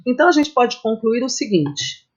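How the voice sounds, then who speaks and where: A woman's voice: on the high side, big pitch swings, moderate pace. A woman teacher, giving a slide-based grammar lesson in a patient, explaining manner and often checking in with her students. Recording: dull, muffled lo-fi recording.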